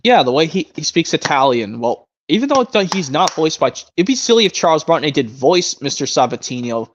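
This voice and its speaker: A slightly high, sing-song male voice comes through muffled lo-fi stream audio with slight background noise, a little fast. The speaker, in his twenties, hosts a casual live stream and rambles, often starting his sentences over.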